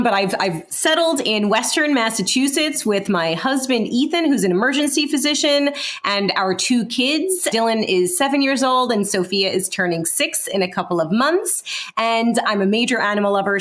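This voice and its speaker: Female American podcast host, thirties, chatty and upbeat, higher voice with animated intonation. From Brooklyn, New York. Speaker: podcast host, public health scientist.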